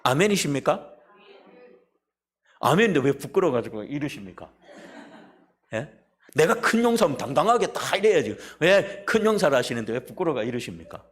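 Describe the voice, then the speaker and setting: A middle-aged man preaching a sermon as pastor, animated, calling on members of the congregation by name and asking rhetorical questions. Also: on the high side, moderate pace, pauses often.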